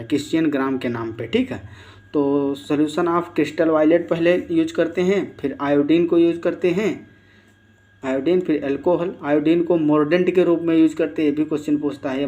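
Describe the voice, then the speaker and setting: A man leads an exam-prep lesson, his voice pitched a little high yet soft and mellow in tone. He reads each option slowly and carefully. Then he asks the class a question and answers it himself, step by step. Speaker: teacher.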